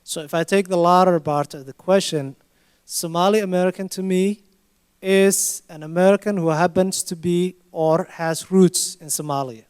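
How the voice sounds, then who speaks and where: A man speaking as a conference panelist, answering an audience question with measured, emphatic points. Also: high voice, fairly even intonation, darkish tone, smooth, no echo, clean studio sound. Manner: measured, emphatic delivery building to firm points.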